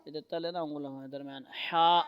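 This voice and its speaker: A man teaching a Quran reading lesson in a classroom, patiently calling out letter sounds loudly and explaining how each one is made. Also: a little high, level tone, highs cut off, slight background noise. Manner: patient, repeats letters loudly for students to echo.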